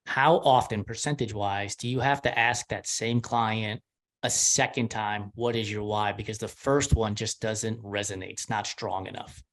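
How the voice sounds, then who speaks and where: A man's voice: lowish voice, steady tone, normal speed. A man speaking as a guest on a podcast, an entrepreneur telling stories about his business in an earnest, conversational way. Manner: earnest, storytelling. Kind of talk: casual interview chat.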